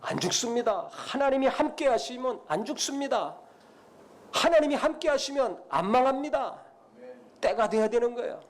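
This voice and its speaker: A man's voice: very high-pitched, animated, moderate pace. A male pastor preaching a sermon, dramatically retelling biblical scenes and rising to emphatic blessings.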